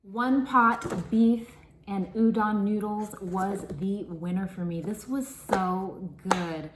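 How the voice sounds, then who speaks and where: A woman vlogs herself cooking at home, speaking slowly in a mid-range, fairly even voice, chatting, joking at her own expense, and talking while she eats. The rough recording sounds echoey, with a little hiss or hum.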